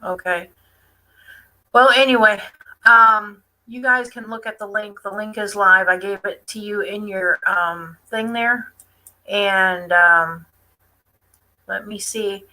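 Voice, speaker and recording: A woman's voice: mid-range voice, steady tone, slow, pauses often, pushed and bright, poor audio. A woman hosting a casual live stream, chatty and defiant, with many fillers as she comments on a news clip. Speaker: online show host.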